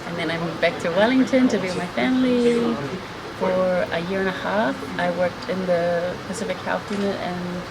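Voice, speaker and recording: A woman's voice: fairly low pitch, fairly even intonation, moderate pace, a loud crowd, rough recording. A woman of twenty-five with a Samoan accent, giving short, hesitant answers in a casual interview. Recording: loud room hum and background noise.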